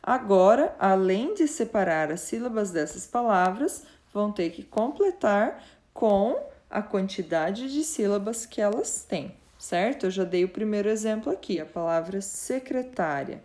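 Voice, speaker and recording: A woman teacher explaining a lesson patiently, often checking in with her students and slowly drawing out example words. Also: medium pitch, lively intonation, darkish tone.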